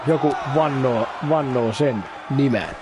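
A man giving chatty, excitable commentary while playing a video game, swearing and exclaiming at the action. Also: medium pitch, noisy background. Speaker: gaming YouTuber. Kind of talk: casual Let's Play commentary.

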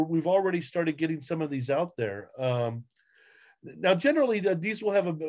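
A man with a fairly high, darkish voice runs a webinar over a video call, his webcam serving as the microphone. Going through the slides, he hesitates constantly, filling gaps and restarting sentences.

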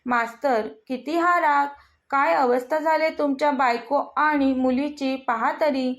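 An arrogant young bully who mocks and threatens everyone around him, voiced by a woman narrating a story. The voice sits high, and the threats come out in a sneering, taunting way. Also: fairly even intonation, measured pace. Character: arrogant menacing young man, a bullying villain. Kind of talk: storybook reading.

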